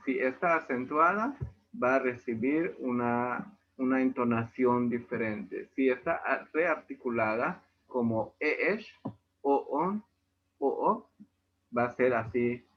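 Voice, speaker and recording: A man's voice: medium pitch, measured pace. A man with a Yucatecan Spanish accent teaching a language class over a video call, explaining patiently. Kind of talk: online class lesson. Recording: tinny video-call audio.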